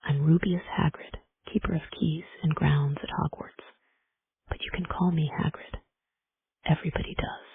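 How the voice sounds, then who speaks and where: A narrator whispering the part of a huge, gruff, bearded male giant who speaks in rough folksy words, in a whispered role-play. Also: medium pitch, steady tone, moderate pace, no echo. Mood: friendly. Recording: dry, tinny phone-like sound.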